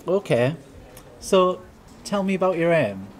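A man's voice: a little high, sing-song, unhurried. A man playing a polite, reassuring college careers adviser in a comic parody film, courteous and unfazed.

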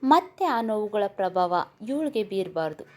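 A woman's voice: mid-range voice, sing-song, normal speed, natural voice. A woman voicing a bitter, heartbroken young husband who speaks firmly in a storybook reading. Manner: bitter, firm.

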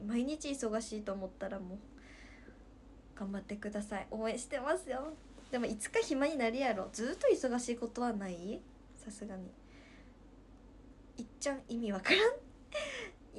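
High, lively young woman with Nagasaki accent. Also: slight background noise. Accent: Nagasaki dialect. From Nagasaki, Japan. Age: 20s. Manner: lively, giggly, playful chatter. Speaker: livestreamer. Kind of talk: casual chat with viewers. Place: room at home.

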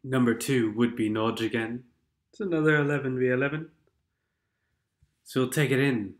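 A man with a cold-stuffed nose speaks at normal speed in a medium-pitched voice, commenting on game replays. The gaming commentator is sardonic and rambling, slipping in bits of songs.

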